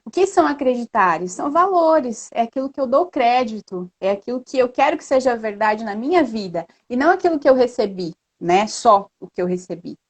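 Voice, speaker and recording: A woman guest on a live video call tells personal stories with earnest, lively energy. Her voice sits a little high, and she keeps checking in with her listener. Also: fairly quick, few pauses. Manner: earnest, lively storytelling with frequent "né?". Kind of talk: casual live chat.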